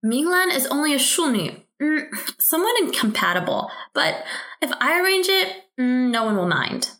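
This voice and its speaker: A woman doing a boastful, condescending middle-aged mother-in-law, raised pitch, bright edge, roomy echo. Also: sing-song, heavily acted. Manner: smug, condescending, drawn-out "mm". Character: gloating, pushy middle-aged low-class mother-in-law.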